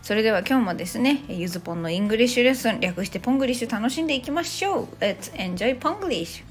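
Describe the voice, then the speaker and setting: Woman, 30s, podcast language teacher; chatty, playful, very animated delivery. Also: fairly high pitch, rapid-fire, soft background music. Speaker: English teacher and podcast host. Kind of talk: casual podcast language lesson.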